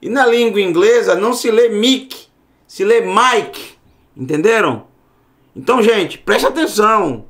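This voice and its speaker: A man teaching a recorded Bible Hebrew lesson, explaining slowly, repeating words and checking in with the class. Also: high-pitched, lively intonation.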